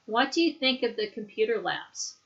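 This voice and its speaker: A woman teaching English, leading a slow repeat-after-me drill and patiently explaining words and pronunciation. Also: on the high side, lively intonation, a bit bright, dull audio.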